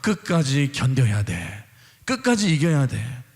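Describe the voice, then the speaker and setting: Preacher doing god, firm and reassuring, big echoey sanctuary. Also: male voice, medium pitch, big pitch swings, a little slow, a little mellow, voice pushed down. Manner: firm, emphatic promises. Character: God, a reassuring divine father. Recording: long church reverb.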